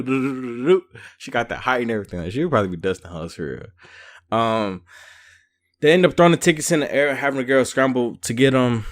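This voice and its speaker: A young man chats through a reality show review in loose, slangy talk full of "like" and "um." His voice sits at an ordinary middle pitch. He slips into low mumbles for his side remarks. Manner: chatty, slangy, lots of "like" and "um". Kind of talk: casual commentary.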